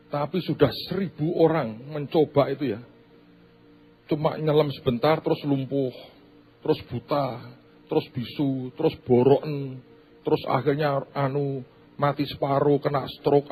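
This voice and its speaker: A man preaching a sermon as pastor, telling stories that swing from loud bursts to hushed asides. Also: medium pitch, husky.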